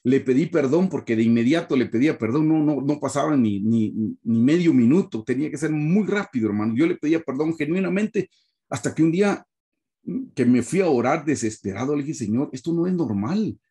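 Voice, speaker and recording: A man's voice: medium pitch, expressive, fairly quick, mellow. A man with a Guatemalan accent, a pastor giving an earnest personal testimony in a sermon over a video call and often calling his listeners brothers. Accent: Guatemalan Spanish.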